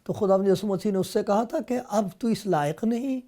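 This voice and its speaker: This man's voice is high-pitched yet dark in tone as he preaches, retelling Bible passages like a story. Voicing both Jesus and Peter, the pastor performs their dialogue and at times erupts with emphasis.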